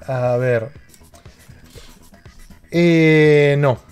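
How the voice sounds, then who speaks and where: Man, tech streamer, fairly high voice, chatty and jokey, live-stream chat, faint music underneath. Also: very slow, darkish tone, clean tone. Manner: chatty, jokey, reads viewer questions aloud.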